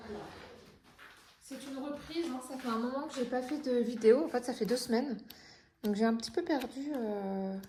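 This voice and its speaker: A woman's voice: on the high side, slight background noise. Chatty woman reviewing her craft work. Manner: relaxed, chatty, many hesitations and self-corrections. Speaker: vlogger reviewing her finished diamond painting. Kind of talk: casual chatty review vlog.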